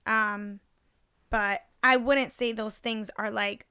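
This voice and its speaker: A woman's voice: medium pitch, takes it slowly, clear, resonant tone, dry recording, clean studio sound. A young woman in casual podcast chat, talking freely with lots of fillers. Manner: chatty, many fillers, animated.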